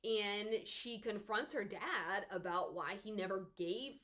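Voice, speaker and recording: A woman from the American South giving a casual, chatty spoken book review with expressive pitch jumps. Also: takes it slowly.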